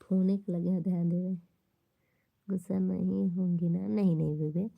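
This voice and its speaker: Gravelly-voiced woman hosting a livestream. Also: on the low side, steady tone, normal speed, phone-quality sound. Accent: Awadhi-tinged Hindi. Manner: blunt, scolding rude commenters. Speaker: livestream host. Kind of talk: casual livestream chat with viewers.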